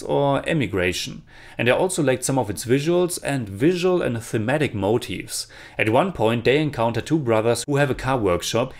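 Young man reviewing films. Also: mid-range voice. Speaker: film reviewer. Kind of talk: scripted video review. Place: small indoor room with shelves of film posters. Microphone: camera framed chest-up, mic not seen.

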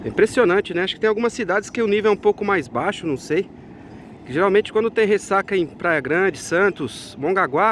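A man's voice: sits high, a bit bright, slight background noise. A man, chatting casually to viewers while walking a market and a beach, recorded on a handheld phone outdoors. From Brazil. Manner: chatty, keeps addressing viewers as friends. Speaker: vlogger.

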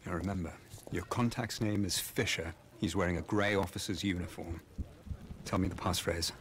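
Gruff resistance handler, very deep and terse. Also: male voice, fairly even intonation, normal speed, noisy background.

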